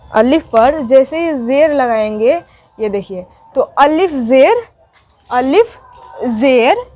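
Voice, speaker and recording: Woman teacher, high voice, patient call-and-response letter drills with English words mixed in. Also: a little mellow, dry recording. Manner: drills sounds, asks questions and answers them herself; mixes English words into Hindi speech. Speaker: Urdu teacher.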